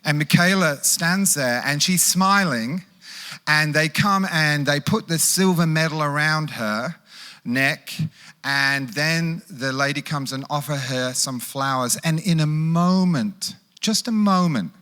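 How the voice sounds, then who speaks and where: A man's voice: on the high side, slow, sharp tone, clear, resonant tone. A middle-aged man preaching a sermon as pastor, speaking conversationally and acting out quoted voices with animation.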